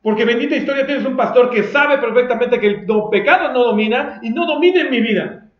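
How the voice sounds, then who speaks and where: A pastor with a Mexican accent preaching a fiery, confrontational sermon with mocking asides, recorded for video. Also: male voice, very high voice, brisk. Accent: Mexican Spanish. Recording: roomy echo, dull lo-fi sound.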